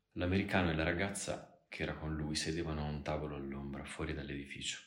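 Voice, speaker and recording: A man reading a literary story aloud in a slow, measured way as an audiobook narrator. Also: rumbling low, a bit bright, roomy sound.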